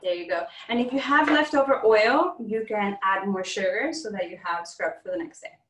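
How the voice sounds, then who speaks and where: A woman demonstrating a do-it-yourself oil blend in a casual class, chatty and quick to laugh. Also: medium pitch, noisy background. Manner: chatty, laughs often, upbeat. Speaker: essential oils class host. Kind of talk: hands-on demonstration with chat. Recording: roomy, distant from the mic.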